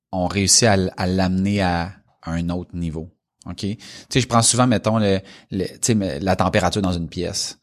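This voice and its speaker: A man with a Québécois accent in a casual, reflective conversation, explaining ideas with everyday examples. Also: sits low. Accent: Québécois French.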